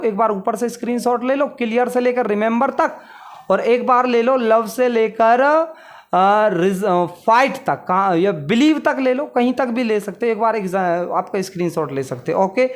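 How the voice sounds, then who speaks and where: A man's voice: extremely high pitch, moderate pace. A man teaching English through Hindi. He explains a story word by word, asking and answering his own questions and repeating the key words. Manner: drills vocabulary with repeated question-and-answer, asks pupils to take screenshots.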